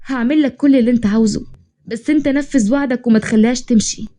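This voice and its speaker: A woman's voice: a little high, racing, close to an everyday voice. A woman voicing a stubborn, proud young woman, speaking with an Egyptian accent, pleading and prickly by turns. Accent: Egyptian Arabic. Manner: pleading then sharp and irritated.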